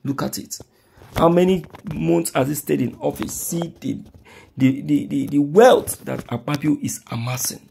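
A man's voice: mid-range voice, creaky, dark tone, a little hiss or hum. A man with a Nigerian accent presenting news as a sensational tabloid host, repeating phrases for emphasis. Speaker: online news commentator. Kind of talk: tabloid-style news reading and commentary.

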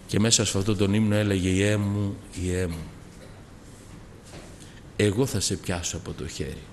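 Greek preacher in an echoing hall. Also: male voice, lowish voice, flat delivery, slight background noise. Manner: swings from soft, slow prayer to loud, rising exhortation. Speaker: preacher giving a testimony. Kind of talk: sermon with personal testimony. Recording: reverberant hall with faint background ambience.

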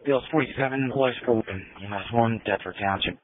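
Speaking a little fast in a mid-range voice, this emergency dispatcher reads fire and EMS calls over a two-way radio in terse, formal language. The phone-like fire radio recording is dry.

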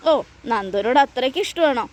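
Brief: woman voicing a jealous fiancée with probing questions, high voice. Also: animated, a little fast. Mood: needling.

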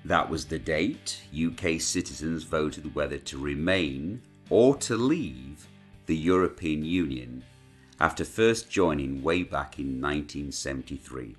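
A man narrating a documentary in a measured, scripted way. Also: very deep voice, husky, faint music behind.

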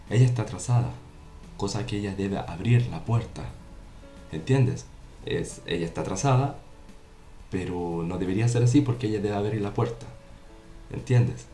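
A man's voice: on the low side, mellow. A man giving a casual online French lesson in Spanish, repeating examples and often checking that the viewer understands. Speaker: French teacher. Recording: roomy echo with faint music.

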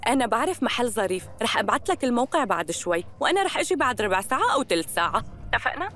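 A woman's voice: fairly high pitch, sing-song, racing, a bit bright. A woman in her thirties with a Syrian accent, playing a persuasive, manipulative young woman in dubbed TV drama, coaxing and insistent.

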